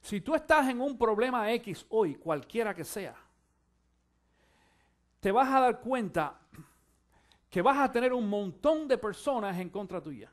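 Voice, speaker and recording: High-voiced fervent Spanish-speaking preacher. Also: male voice, animated, a little slow, long pauses. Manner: swings from quiet musing to loud fervent exhortation; addresses listeners directly, urging them to listen. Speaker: pastor. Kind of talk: sermon.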